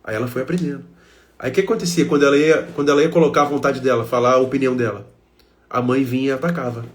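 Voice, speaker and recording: A man's voice: medium pitch, fairly even intonation, rapid-fire. A man with a Brazilian Portuguese accent giving an emotional self-help talk, speaking emphatically to his listeners in short repeated phrases.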